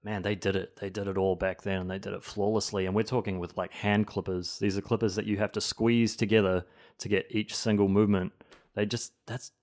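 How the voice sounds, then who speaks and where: A young man, a barber guest, chatting enthusiastically in a podcast interview in a small home studio on a boom mic. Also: flat delivery, a little fast, a little mellow. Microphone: studio boom mic with headphones.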